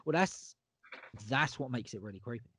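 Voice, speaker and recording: A man's voice: medium pitch, lively intonation, moderate pace, sharp tone, husky, no room sound. A man co-hosting a horror podcast in casual chat, enthusiastic and emphatic, often repeating himself. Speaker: podcast co-host.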